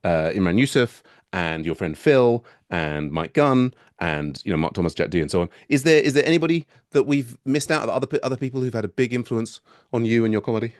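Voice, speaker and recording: A man with a London accent hosting a casual interview, quick and excitable, with hesitant restarts when he asks his questions. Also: medium pitch, dry recording, clean studio sound. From England. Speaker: podcast host.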